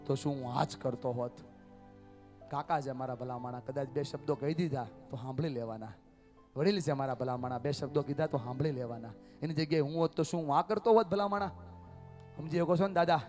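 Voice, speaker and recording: High-pitched man rousing a crowd. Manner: calls out to the crowd for answers, swings from loud to hushed. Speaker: motivational speaker. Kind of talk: motivational talk to a family gathering. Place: outdoor family event at night.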